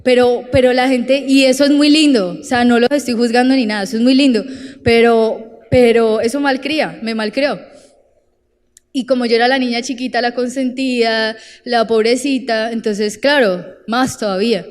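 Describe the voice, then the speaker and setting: Young Colombian woman preaching, high voice. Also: normal speed, in a large hall. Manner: animated, direct, acts out quoted voices. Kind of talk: sermon. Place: church.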